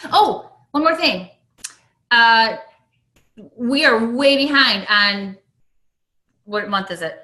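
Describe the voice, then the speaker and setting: Bright-voiced woman leading a team call. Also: fairly high pitch, expressive, slow pace, pauses often, reverberant, poor audio. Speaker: team leader hosting a call. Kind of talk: casual group call.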